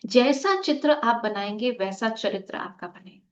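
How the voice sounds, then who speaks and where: A woman's voice: fairly high pitch, expressive, unhurried. A woman teaching a live online meditation lesson, asking the class rhetorical questions, leading a group activity and mixing English words into her talk. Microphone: video call. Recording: muffled video-call audio.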